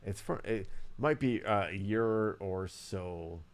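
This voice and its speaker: A man co-hosting a casual talk show, rambling with lots of fillers and loudly hyping the next segment. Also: fairly low pitch, animated, slow. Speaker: podcast co-host. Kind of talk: casual chat.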